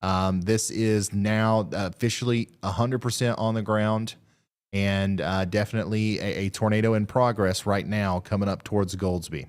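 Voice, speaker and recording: Low-pitched man giving live weather commentary. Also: fairly even intonation. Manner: halting, thinking aloud while reading radar. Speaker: live weather stream host.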